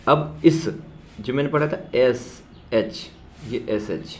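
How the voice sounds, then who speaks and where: A man teaching a shorthand class, slowly repeating example words loudly and reassuring his learners. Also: medium pitch, a little hiss or hum. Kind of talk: classroom lesson.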